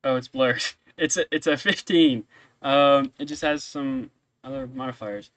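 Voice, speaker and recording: A man working as game master of a tabletop role-playing game, narrating casually in a halting, hesitant way. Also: medium pitch, steady tone, a bit bright, dry recording.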